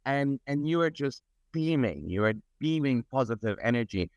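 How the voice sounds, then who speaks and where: In a dull, lo-fi recording with no room sound, a middle-aged man from Germany answers interview questions as a technology advisor. His mid-range voice is smooth and darkish, animated at a moderate pace. He speaks earnestly and at length, frequently repeating words while forming his sentences.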